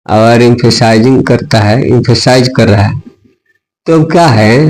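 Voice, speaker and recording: A man's voice: medium pitch, unhurried, a little mellow, poor audio. A male teacher giving a grammar lesson, who keeps asking and answering his own questions and slips between example sentences and explanation.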